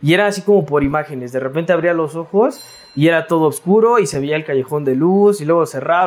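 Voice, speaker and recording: A Mexican man, a guest in an interview, speaks in a slightly high voice with a faint hiss or hum on the recording. His talk is casual and reflective, full of slang, restarts and tag questions.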